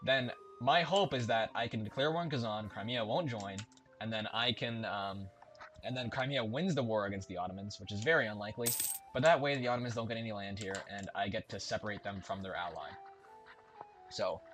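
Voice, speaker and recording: His voice sits on the low side and sounds a bit bright, and he talks a little fast. The man is casually narrating his own strategy game play, let's-play style, thinking aloud and chattily correcting himself over game music and keyboard typing.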